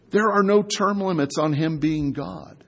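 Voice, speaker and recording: A man delivers a sermon with a voice pitched high for a man. His tone is husky, and he talks to his congregation casually, asking rhetorical questions and stretching out the words he wants to stress. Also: fairly bright tone, big-room sound. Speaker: pastor.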